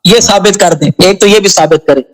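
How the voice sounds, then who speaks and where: A man's voice: high voice, rough recording. A man calling in to a live show who disputes the host's translation and keeps pleading to be heard. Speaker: caller. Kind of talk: heated live call-in debate.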